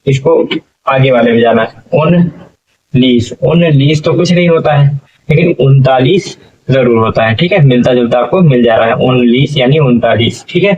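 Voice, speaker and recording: This male teacher, far from the mic on dull-sounding audio, has a mid-range, slightly mellow voice. He teaches patiently, drawing out syllables and regularly pausing for an "okay?"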